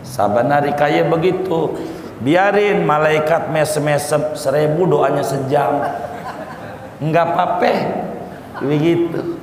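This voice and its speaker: Slow folksy preacher in an echoey hall. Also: male voice, a little high. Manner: folksy, repetitive, calls listeners "saudara". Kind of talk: sermon. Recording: echoey hall with faint noise.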